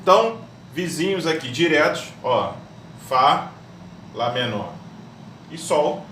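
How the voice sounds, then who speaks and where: A man's voice: a little high, expressive, slow pace, pushed and bright, far from the mic. A man teaching a music theory lesson step by step, often checking in with his students. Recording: echoey room, voice off-mic, faint hum.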